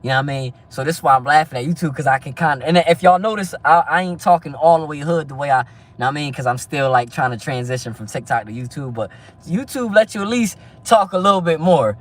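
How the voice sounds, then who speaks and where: A man in his thirties from New Jersey, hosting a casual live stream in quick, loose street talk and checking in with "you know what I mean" again and again. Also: on the high side, lively intonation, recorded from a distance. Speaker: livestream host.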